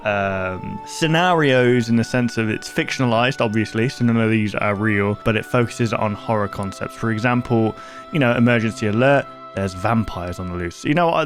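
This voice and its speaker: A man hosting a horror reaction video with casual, chatty, rambling commentary that often interrupts itself. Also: lowish voice.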